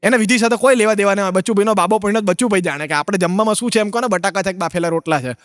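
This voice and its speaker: Fast-talking high-voiced comic man. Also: dry recording, clean studio sound, long reverb tail. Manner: rapid-fire jokey patter. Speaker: stand-up comedian. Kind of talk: stand-up storytelling.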